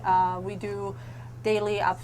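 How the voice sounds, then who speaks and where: A woman's voice: medium pitch, flat delivery, measured pace, noisy background. Chatty woman from Serbia. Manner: chatty, laughs often, many fillers. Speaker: guest, website editor. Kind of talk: casual chat.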